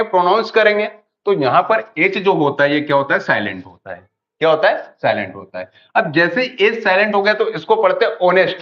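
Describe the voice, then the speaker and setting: A man teaching English grammar in an online class, asking questions and answering them himself over and over. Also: high voice. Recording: dull lo-fi audio.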